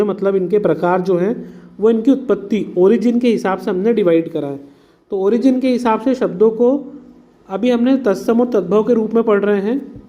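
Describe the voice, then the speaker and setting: High-pitched and warm, this man explains an exam-prep lesson patiently. His Hindi is sprinkled with English words, and he addresses his students as "beta".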